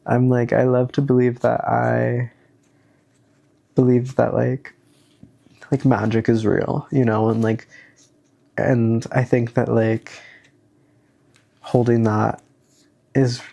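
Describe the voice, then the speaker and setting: Taking his time with long pauses, a young male vlogger speaks in a steady, mellow mid-range voice with vocal fry, nasal and blocked up from a cold. He reads a self-help worksheet aloud conversationally, meandering and hesitant with many fillers.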